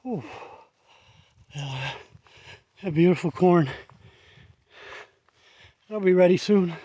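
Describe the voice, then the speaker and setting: A man's voice: sits high, slow pace, mellow, no echo, muffled recording. A man narrating casually while hiking an open field trail outdoors, out of breath and rambling as he walks. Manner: chatty, rambling with restarts. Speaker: hiking vlogger.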